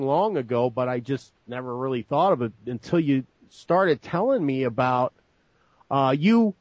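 A man's voice: medium pitch, no echo, lo-fi sound. A man hosting a talk show, asking long, rambling questions and correcting himself as he goes. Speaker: host. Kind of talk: casual interview talk.

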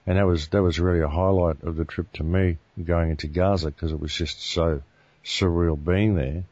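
A deep-voiced Australian man talks as a guest, rambling easily through his story with restarts along the way. The sound is dry and a bit muffled, with no room around it. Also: steady tone, moderate pace, darkish tone, dry recording. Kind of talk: casual interview talk.

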